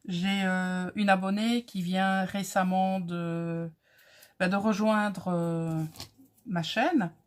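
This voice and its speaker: A woman's voice: fairly low pitch, flat delivery, slow pace, clear, resonant tone. A woman with a light accent hosting a casual crafting tutorial, chatty and friendly as she talks viewers through each step.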